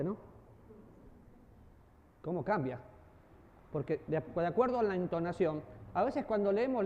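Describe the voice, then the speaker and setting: An animated, high-voiced man gives a church teaching talk in a church hall as preacher and teacher, acting out voices and gestures and joking with the audience. The audio is dull, with long hall reverb.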